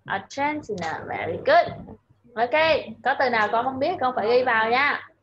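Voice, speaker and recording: A woman tutor in an online English lesson, patiently saying words slowly so her student can repeat them. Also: fairly high pitch, lively intonation, fairly bright tone, muffled recording, slight background noise.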